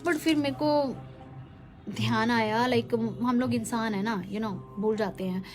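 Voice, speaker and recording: Woman, middle-aged, satsang testimony, chatty, slow, faint music behind. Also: a little high. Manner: warm, chatty, mixing English into Hindi. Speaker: satsang speaker. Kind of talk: devotional testimony to a live group. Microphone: phone or webcam.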